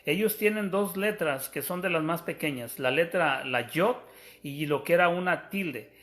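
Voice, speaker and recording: Man preaching a slow Bible sermon. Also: on the high side, fairly bright tone. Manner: explains scripture slowly, addresses the congregation as brothers, often restarts.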